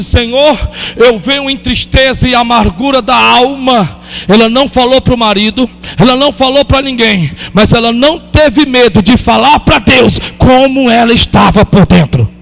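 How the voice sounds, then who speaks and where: A man preaching an impassioned sermon as pastor, fervent and rising to loud exclamations. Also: extremely high pitch, vocal fry.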